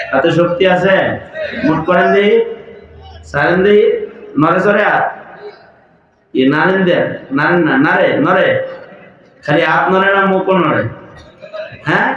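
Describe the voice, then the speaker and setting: A male preacher giving a rousing open-air sermon, calling out to the crowd and chanting phrases over loudspeakers. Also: on the high side. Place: outdoor religious gathering over loudspeakers. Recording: echoey PA sound from far off, dull.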